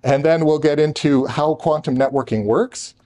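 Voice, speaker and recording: A man's voice: on the high side, warm tone. A man presenting a technical talk to a live audience in a conference room, hurrying with restarts and joking asides to the room. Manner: rushed, talking fast with restarts.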